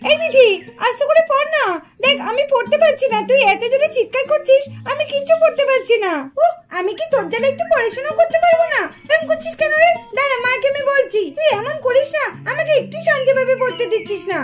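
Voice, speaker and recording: A woman's voice: extremely high pitch, fast, voice pushed up. A woman voicing an annoyed older sister in a doll cartoon, complaining in a whiny voice. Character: fed-up older sister trying to study.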